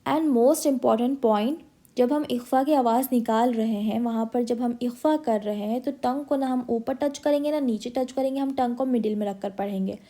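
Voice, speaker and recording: A woman's voice: on the high side, moderate pace, dark tone. A woman with an Indian accent teaching Quran recitation, patiently sounding out syllable after syllable for her students to copy. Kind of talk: slow drilling lesson.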